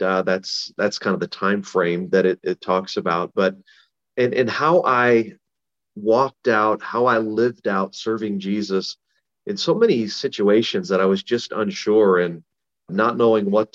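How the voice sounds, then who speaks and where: Lower-voiced pastor over the phone. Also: male voice. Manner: earnest, conversational, with frequent restarts. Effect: heard over a phone line. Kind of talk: interview guest sharing a personal testimony. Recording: dull phone-line audio.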